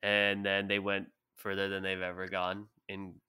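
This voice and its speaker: Bright, crisp-voiced teasing male guest. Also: deep voice, monotone, moderate pace. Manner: playful, teasing, laughs often. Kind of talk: casual sports podcast chat.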